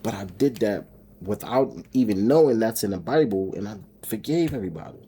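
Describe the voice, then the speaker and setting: Low, mellow-voiced man venting. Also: lively intonation, a little fast, a little hiss or hum. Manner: rambling, profane, stumbles and repeats words. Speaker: homestead vlogger and single dad. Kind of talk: emotional venting monologue.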